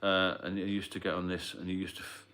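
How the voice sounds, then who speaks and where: A man's voice: deep voice, little pitch movement, fast, bright, forceful tone. A man hosting a casual livestream, plain-spoken and rambling, answering viewer comments as he goes. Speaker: livestream host. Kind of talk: casual live-stream chat.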